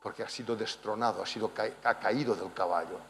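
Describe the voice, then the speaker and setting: A man preaching a sermon to a congregation, moving between quiet explanation and loud, emphatic appeals. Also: on the low side, fairly quick, faint music behind. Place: church hall. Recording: reverberant church hall.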